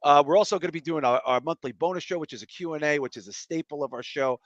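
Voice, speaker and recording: Talking fast in a voice on the high side, this podcast host tells crude jokes and energetically promotes his casual comedy show. The recording is dry, though the stream audio comes across muffled and a bit lo-fi.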